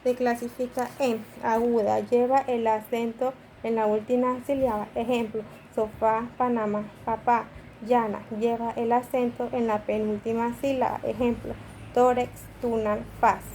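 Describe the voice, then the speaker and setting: A woman's voice: fairly high pitch, flat delivery, a little slow, darkish tone, slight background noise, rough recording. A woman student reading a class presentation aloud to her teacher, listing examples one by one.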